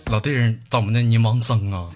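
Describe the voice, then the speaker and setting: A man's voice: mid-range voice, steady tone, a little fast. A male host with a Northeastern Mandarin accent, telling jokes in a teasing style. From Northeast China. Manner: jokey, teasing asides. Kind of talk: comedic joke podcast. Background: music.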